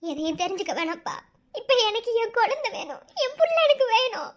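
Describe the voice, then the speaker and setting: A voice actor doing a desperate high-voiced cartoon mother. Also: very animated, fairly quick. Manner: pleading, repeats words. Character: grieving young mother, fierce and desperate. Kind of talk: animated cartoon voice acting.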